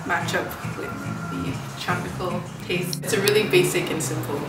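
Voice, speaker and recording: Recorded by a camera mic from across her home kitchen, a young woman vlogs a casual cooking session with loud music behind her. Her voice sits on the low side at normal speed, and she talks hesitantly, often trailing off, in roomy, distant audio.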